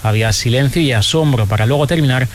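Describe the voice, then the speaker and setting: A man calmly narrates a radio news report, with faint background noise. His pitch sits in the middle range. He reads at an unhurried pace.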